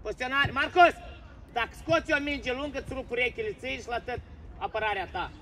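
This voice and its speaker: A youth football coach on an outdoor pitch, barking short commands and players' names. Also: male voice, pushed and bright, distant mic. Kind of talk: sideline coaching shouts. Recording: outdoor pitch with children's crowd noise.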